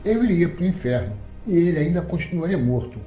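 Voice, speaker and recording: A man's voice: fairly high pitch, sing-song, fairly quick, mellow, faint music behind, pitched above the performer's own voice. A man voicing a distraught young man with an outraged, pleading manner, in an echoey audio story. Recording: roomy echoey recording.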